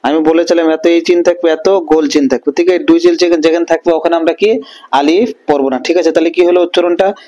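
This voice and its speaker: A man with a Bangladeshi Bengali accent teaching a Quran reading lesson, often checking in with his students and slowly sounding out syllables. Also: fairly high pitch, steady tone, warm tone, rough recording.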